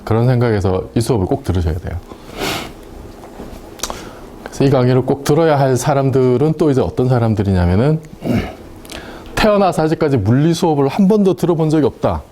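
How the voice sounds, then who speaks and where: A man's voice: mid-range voice, animated, a little fast, pauses often, warm tone. A man giving a university lecture in a casual, chatty way, often asking the class questions and laughing at his own points. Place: lecture room.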